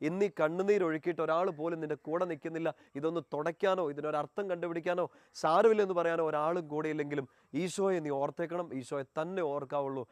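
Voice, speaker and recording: Male preacher, fast pleading sermon, slightly high voice. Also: no echo. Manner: earnest, pleading, swells then drops soft.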